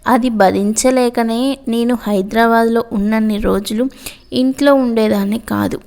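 A woman's voice: a little high, fairly even intonation, moderate pace, creaky, a little mellow. A woman voicing an upset young female college student who talks in a tearful, complaining way, in a storybook reading. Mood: resentful complaint.

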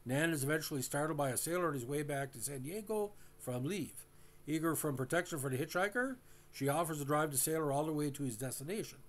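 A man hosting a show, recapping and discussing a classic television episode in a casual, halting way with many fillers, sometimes speaking to the listeners directly. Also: a little high. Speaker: host.

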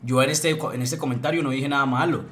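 A man's voice: medium pitch, fairly even intonation, a little fast, a bit bright, a little hiss or hum. A young man, ranting on a livestream in a heated, blunt way, swearing and repeating himself. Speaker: streamer. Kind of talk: livestream rant.

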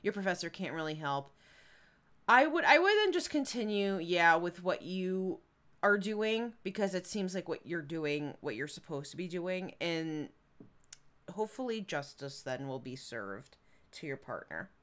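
Her voice is lowish, a bit bright, expressive and unhurried. This young Chicago woman, Midwestern in accent, streams a game and keeps up loose live commentary full of fillers and little giggles.

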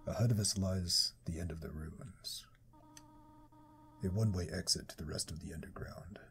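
A woman voicing a stern, sorrowful motherly goat monster from a video game, slow, grave and hushed. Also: very deep voice, slight background noise, voice pushed down. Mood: grave, menacing. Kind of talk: dramatic voice-over of video game dialogue.

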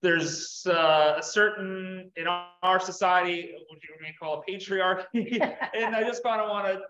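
A man's voice: high-pitched, a little slow, bright, forceful tone, muffled recording. A young man giving a casual beekeeping talk to a group, chatting loosely with many fillers and restarts. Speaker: beekeeping presenter. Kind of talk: casual slide-show talk. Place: meeting room, indoors. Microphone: far camera. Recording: echoey room from far off.

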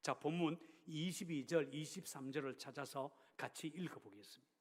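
A male pastor delivers a sermon in a church sanctuary, emphatic and swinging between raised, insistent phrases and hushed endings. His voice sits a little high for a man. A long reverb trails after each phrase. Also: moderate pace.

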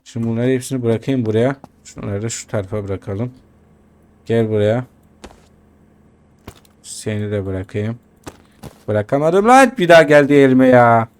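A man's voice: medium pitch, lively intonation, moderate pace, long pauses, smooth. A man giving casual gameplay commentary as a gaming YouTuber, chatting to his viewers and grumbling and swearing at the game as he plays.

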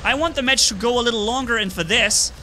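A man giving live gameplay commentary on his own stream, excited play-by-play with sound effects. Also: very high voice, quick pace, soft background music. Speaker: gaming streamer.

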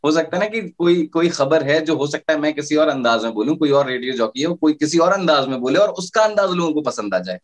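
A man's voice: on the high side, lively intonation, fairly quick, hardly any pauses. A male radio jockey explaining his career in a casual interview, with frequent fillers and restarts.

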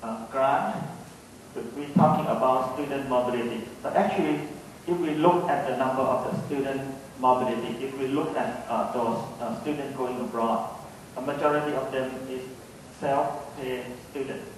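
A middle-aged Thai-accented man speaks unscripted as an academic panellist on stage in a large conference hall, his delivery hesitant and halting with frequent pauses. He holds a handheld mic, but a distant camera captures him, so the hall sounds echoey and far away with a faint rumble underneath.

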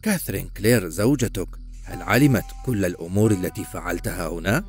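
A man voicing a sly, menacing old male demon who speaks in a low, hissing whisper. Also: brisk, faint music behind. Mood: mocking. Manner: menacing, mocking.

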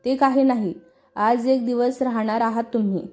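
An insistent middle-aged hostess, voiced by a woman telling a story. She presses her point warmly in a mellow, fairly high voice. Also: steady tone, normal speed, faint music behind, lightly acted.

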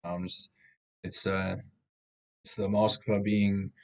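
A man's voice: deep voice, level tone, slow pace. A man hosting a casual news rundown from a hotel room through a laptop mic that makes him sound tinny, stumbling over words as he reads headlines. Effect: tinny, tin-can sounding laptop mic. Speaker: live-stream news host. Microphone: laptop microphone.

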